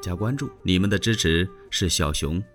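A male storyteller, giving a lively, rhythmic traditional storytelling performance. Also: low-pitched, moderate pace, soft background music.

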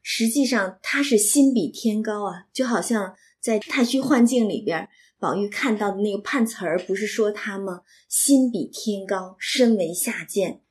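A woman explaining a classic novel, reading and commenting in an expressive, reflective storytelling manner. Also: medium pitch, moderate pace, few pauses. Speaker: literature lecturer and reader.

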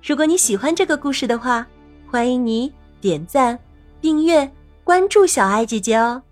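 A woman narrating a scripted story for children as host, expressive and playful, speaking directly to young listeners. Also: high voice, moderate pace, faint music behind.

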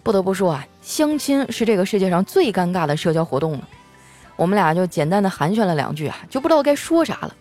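A woman's voice: medium pitch, sing-song, fast. A young woman, hosting a comic storytelling podcast in a chatty, playful way. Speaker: host. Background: soft background music.

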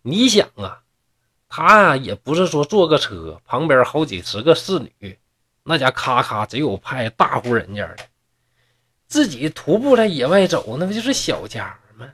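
A man's voice: medium pitch, very animated, normal speed, fairly bright tone, breathy edge. A man with a Northeastern accent voicing a boastful, swaggering young man in a storybook tale. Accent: Northeastern Mandarin. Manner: brash, swaggering. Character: boastful young man, brash and confident cousin.

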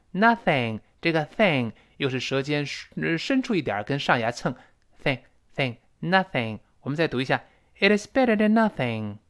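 Man, English teacher, mid pitch, patient step-by-step drills with acted dialogue lines. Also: fairly bright tone. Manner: explains slowly, drawls sample phrases to show linking sounds; acts out both sides of a short dialogue with lifted pitch. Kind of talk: recorded audio lesson.

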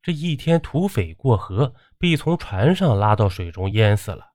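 A man's voice: medium pitch, very animated, normal speed, a little mellow, no echo, studio quality, lightly acted. A man voicing a timid young male ferryman who talks in an anxious, pleading way. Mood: cautious.

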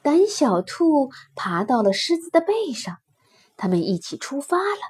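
A woman hosting a children's story session, narrating gently and expressively in a sing-song way. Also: sits high, big pitch swings, a little slow.

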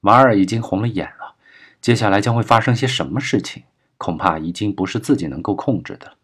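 A man narrating a crime novel as an audiobook, reading in a steady, measured way. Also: on the low side, breathy edge.

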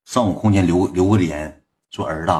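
A young man with a Northeast Chinese accent, telling a story to his viewers in a slangy, swearing, animated way with lots of repeated asides. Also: low-pitched, moderate pace. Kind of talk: storytelling to a livestream audience.

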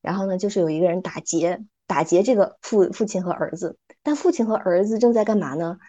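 A middle-aged woman speaking calmly and thoughtfully as a podcast guest, retelling little stories as she reflects. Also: lowish voice, quick pace, muffled recording. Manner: calm, thoughtful, retells stories with light acting. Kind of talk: reflective casual chat with storytelling.

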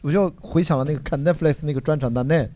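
A man's voice: on the high side, fast talker, warm tone. A man chatting casually as a comedy-fan guest, hesitant and correcting himself as he goes. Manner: hesitant, stumbling, self-correcting. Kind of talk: casual panel chat.

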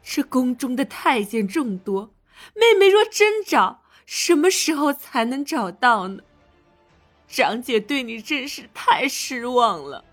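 Actress voicing a scheming elder sister consort, high voice, cold mock sorrow, palace audio drama. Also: female voice, very animated, slow, soft background music, full character voice. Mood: reproachful. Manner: cold, reproachful, feigned pity.

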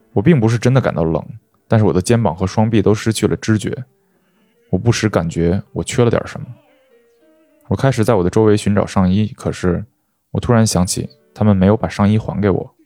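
Brief: male audiobook reader, low dark voice, dry close sound, faint music. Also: no echo. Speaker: host and reader. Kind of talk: literary reading aloud.

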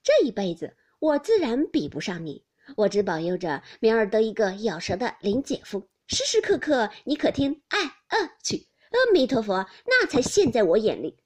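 A woman voicing a lively, chatty teenage girl in an audiobook, speaking in a loud, bantering way. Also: high-pitched, moderate pace, voice pushed up.

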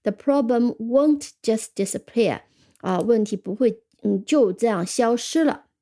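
A woman with a mellow, fairly high voice gives an English vocabulary lesson on the radio. She reads each example sentence slowly and with care, then explains it casually, often ending phrases with a soft "ah". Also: lively intonation. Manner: ends phrases with the filler "啊".

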